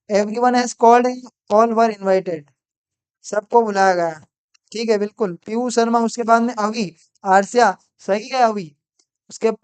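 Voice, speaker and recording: A man teaching an English class live online from a mobile phone, slowly repeating each sentence, calling out students by name and praising their answers. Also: high-pitched, smooth.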